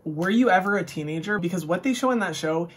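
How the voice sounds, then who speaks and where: Young male vlog host, husky, breathy tone, gushing and animated, drops the odd swear. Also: high-pitched, fast. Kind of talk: casual reaction vlog chat.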